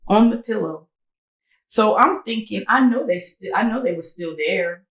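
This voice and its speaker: Animated woman telling a story, slangy. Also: medium pitch, moderate pace, poor audio. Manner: animated, acts out quotes, slangy. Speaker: podcast co-host. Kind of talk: casual storytelling chat.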